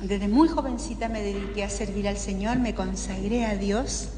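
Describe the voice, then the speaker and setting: Speaking at a normal speed with a steady, medium-pitched voice, this older Chilean-accented woman, a religious sister, preaches casually to people gathered in a big parish hall. She frequently tosses in tag questions to check in, and the recording carries echo and clear background noise.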